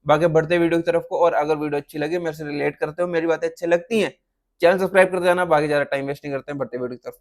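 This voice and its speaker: A man's voice: on the high side, fairly even intonation, very fast. A young man hosting a reaction video, chatting casually with viewers, calling them "bhai" and restarting his sentences as he goes.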